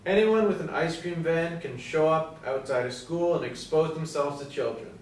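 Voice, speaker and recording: A petty, easily needled young man, played by an actor argues every small point in a fairly high voice. The sound is roomy and distant from the mic, with a faint hiss behind it. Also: moderate pace, close to an everyday voice. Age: 20s. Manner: pedantic, touchy, awkward. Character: fussy petty young man selling ice cream.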